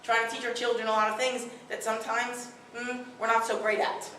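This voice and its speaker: At a parenting workshop, a middle-aged woman with a strong voice speaks firmly, directly and conversationally to a live audience. Her voice is on the high side, fairly flat in pitch, fairly quick, bright and forceful, captured from afar in an echoey room with a little hiss or hum.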